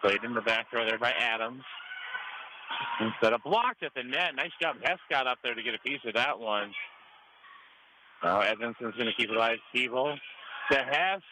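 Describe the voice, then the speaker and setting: An American man provides live radio play-by-play of a volleyball match in a high school gym, where the ambience is clearly noisy. His mid-range voice has lively intonation, a moderate pace and frequent pauses.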